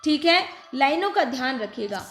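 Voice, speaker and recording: Indian woman, primary teacher, high voice, echoey room, faint music behind. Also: expressive, fairly bright tone. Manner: slow, repeats words for children to echo. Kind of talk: children's phonics lesson.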